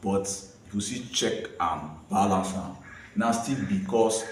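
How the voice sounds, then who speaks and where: Echoey, low-voiced Nigerian Pidgin-speaking man. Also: a little slow. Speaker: co-host of a citizens' rights programme. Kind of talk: impassioned civic discussion in Nigerian Pidgin. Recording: echoey room, distant from the mic.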